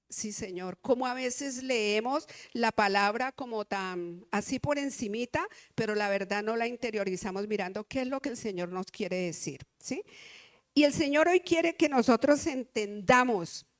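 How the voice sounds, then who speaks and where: A woman's voice: a little high, dry recording, clean studio sound. A woman with a Colombian Spanish accent preaching an earnest sermon in church, often checking in with the congregation.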